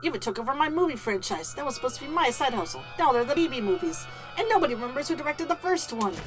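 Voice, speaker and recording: A woman's voice: high voice, big pitch swings, very fast, music in the background. A woman voicing a jaded, scheming theater boss in a video game, griping in a grandiose way. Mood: accusing.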